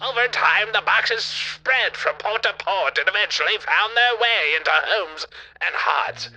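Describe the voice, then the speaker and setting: A man's voice: high-pitched, lively intonation, a little slow, sharp tone, voice pushed up, full character voice, poor audio. A man putting on a narrator voice to read a game's history entry aloud. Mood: storytelling.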